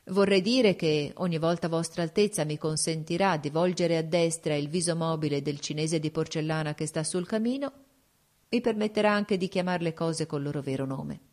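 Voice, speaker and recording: A woman's voice: low voice, normal speed, darkish tone, natural voice. A woman reading an audiobook, voicing a shrewd, composed court duchess who speaks frankly and persuasively.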